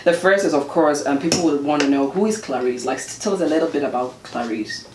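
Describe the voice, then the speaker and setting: Woman host doing a chill interview, deep-ish voice, hypes her guest, lots of mm-hmms, echoey room. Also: fast talker. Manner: enthusiastic, lots of listening murmurs. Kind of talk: casual interview. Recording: echoey room with faint noise.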